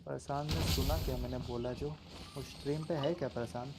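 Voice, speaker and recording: A man's voice: medium pitch, fairly even intonation, brisk, heavy background noise. A man from India streaming a game, chatting casually with friends and talking through character builds in a joking way. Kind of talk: casual gaming chat. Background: loud game music.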